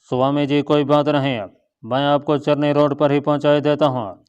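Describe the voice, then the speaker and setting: A man's voice: a little high, normal speed, clear, resonant tone, dull audio, natural voice. A man reading a friendly carriage driver. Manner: friendly, relaxed. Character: male horse-carriage driver, easygoing and friendly.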